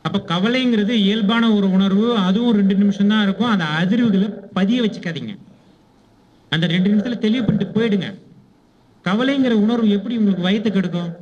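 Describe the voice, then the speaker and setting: A high-pitched man gives a spiritual talk to an audience, speaking plainly and turning often to questions. He acts out little dialogues as he goes. The recording sounds dull and lo-fi. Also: brisk, darkish tone, a little hiss or hum. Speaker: spiritual teacher.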